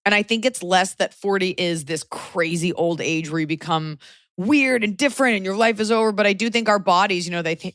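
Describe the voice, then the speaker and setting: Frank low-voiced woman in her forties. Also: dry recording, studio quality. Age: 40s. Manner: frank, emphatic, animated. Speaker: podcast host giving advice. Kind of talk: casual advice chat.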